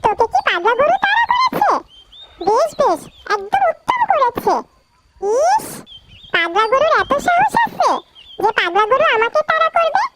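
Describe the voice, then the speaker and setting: A woman's voice: very high-pitched, sing-song, moderate pace, heavy background noise. A teasing cartoon boy. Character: teasing young boy, the hero's friend.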